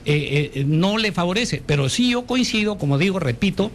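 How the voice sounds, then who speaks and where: A man's voice: high voice, lively intonation, normal speed, slight background noise. A man speaking earnestly as a radio commentator, building his points toward outrage.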